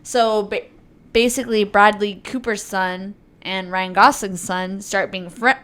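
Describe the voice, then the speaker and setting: A young woman guesting on a casual podcast, retelling a film plot in a chatty, halting way. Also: medium pitch, fairly even intonation, a bit bright. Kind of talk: casual film chat among friends.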